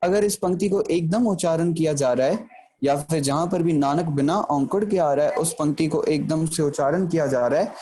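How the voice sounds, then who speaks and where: Patient man teaching, mellow raised voice. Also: fairly high pitch, slight background noise. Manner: patient, often checks in with the listener; recites verse lines slowly for emphasis. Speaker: Gurbani grammar teacher. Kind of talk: explanatory lecture.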